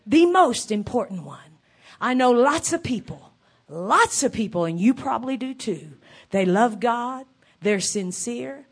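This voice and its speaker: A woman's voice: a little high, lively intonation, unhurried, breathy edge. A woman preaching an evangelical sermon as a fervent, emphatic preacher who repeats phrases for emphasis. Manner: fervent, emphatic evangelical preacher delivery, swinging from hushed to shouted.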